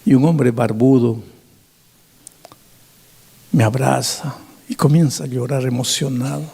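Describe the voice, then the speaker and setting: A male pastor preaching through an animated story, his voice climbing high on emphasis. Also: unhurried, gravelly, breathy edge. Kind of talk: sermon storytelling.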